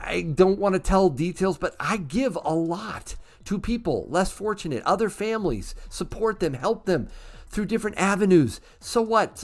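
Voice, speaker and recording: A man hosting a call-in livestream, ranting excitedly and laughing at himself. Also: high-pitched. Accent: New England. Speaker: livestream host. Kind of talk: casual call-in livestream talk.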